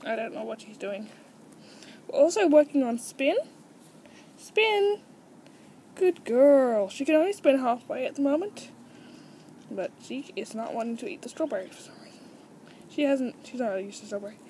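A woman's voice: on the high side, expressive, brisk, long pauses, dark tone, slight background noise, poor audio. Teenage girl coaxing her guinea pigs. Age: teens. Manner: coaxing sing-song calls to her pets between explanations. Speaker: guinea pig owner demonstrating training. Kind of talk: casual home tutorial. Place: at home beside a guinea pig cage.

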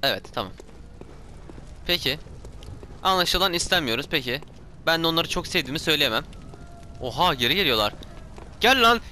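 A man commenting on his own gameplay, talking to himself, yelling and swearing when startled, his throat sore from shouting. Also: a little high, expressive, a little fast, long pauses, a little hiss or hum. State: hoarse from shouting. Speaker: gameplay streamer.

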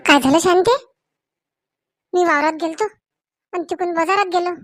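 A woman's voice: very high-pitched, normal speed, fairly bright tone, no echo, studio quality. A woman voicing a sheepish, evasive father-in-law in a comedy sketch, with a Varhadi Marathi accent. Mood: defensive.

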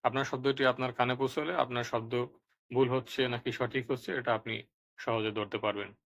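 A man teaching Italian vocabulary, saying each word twice, loudly and deliberately, so listeners can repeat after him. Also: mid-range voice, fairly even intonation, creaky, lo-fi sound. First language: Bengali.

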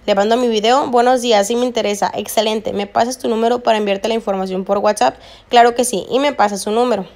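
Young woman, casual tutorial voice-over, emphatic repetition, slightly high voice. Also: fairly even intonation, fast, hardly any pauses, a little mellow. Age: 20s. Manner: chatty, repeats points for emphasis. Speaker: network marketing vlogger. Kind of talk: screen-recorded tutorial narration.

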